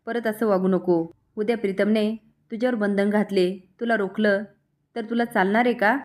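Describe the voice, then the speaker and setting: A woman's voice: medium pitch, steady tone, normal speed, darkish tone, natural voice. A woman voicing a stern, caring middle-aged mother who gives firm advice. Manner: firm advising tone.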